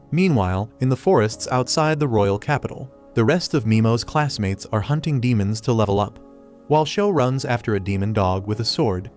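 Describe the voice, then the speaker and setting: A man narrating a scripted anime recap in a steady, even telling. His voice sits in a middle pitch for a man. Quiet music plays underneath. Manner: steady plot-summary narration.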